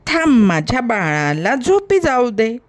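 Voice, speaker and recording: Woman playing a sensible mother sparrow, raised bright voice, storybook. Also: a little high, very animated, a little slow, pitched above the performer's own voice. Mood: motherly. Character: busy caring mother sparrow, hardworking and sensible.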